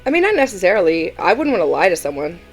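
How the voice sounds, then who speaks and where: Chatty, opinionated woman, low-pitched. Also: sing-song, very fast, faint music behind, low-quality recording. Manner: chatty and opinionated, many fillers. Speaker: reaction video host. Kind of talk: casual reaction commentary.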